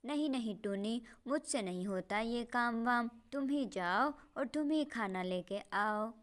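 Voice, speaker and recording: A lazy young cartoon bird snaps back in a high voice, as a woman voices her. She is sulky and sharp-tongued, a spoiled little sister. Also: expressive, a little slow.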